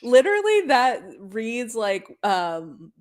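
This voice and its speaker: A woman's voice: on the high side, very animated, slow pace. A woman co-hosting a podcast in casual chat, blunt and irreverent, laughing often. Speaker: podcast co-host.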